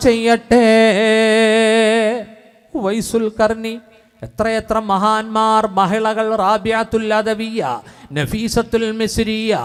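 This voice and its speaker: A man's voice: high-pitched, clear, resonant tone. A man from Kerala preaching an Islamic sermon, drawing out his words and chanting the Arabic quotations in a sung lilt. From Kerala, India.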